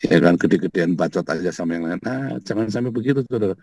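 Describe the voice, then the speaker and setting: A male pastor, giving a casual sermon in blunt, colloquial speech, hammering points through repetition and swinging from quiet asides to loud outbursts. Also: low-pitched, animated, fast, husky, no echo.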